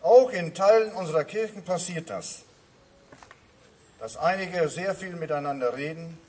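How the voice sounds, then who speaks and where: Male pastor, husky, slightly high voice, earnest preaching with refrains, distant mic. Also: lively intonation, a little slow, darkish tone. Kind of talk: sermon.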